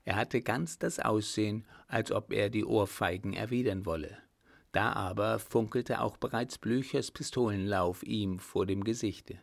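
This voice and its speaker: A man reading a novel aloud as an audiobook narrator at a steady, measured pace. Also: fairly low pitch, vocal fry.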